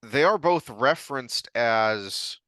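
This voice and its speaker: A man speaks slowly in a bright, forceful tone, halting and searching for words. He sounds like a podcast co-host in easy chat. The sound is dry and close. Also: medium pitch, lively intonation, no room sound. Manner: thoughtful, halting with many ums and restarts. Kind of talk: casual chat.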